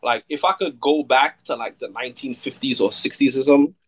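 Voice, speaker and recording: A man, a soca artist chatting casually in an interview, relaxed and full of fillers. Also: medium pitch, a little fast, breathy edge, dry recording, rough recording. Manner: relaxed, laid-back, many fillers like "like" and "you know what I mean".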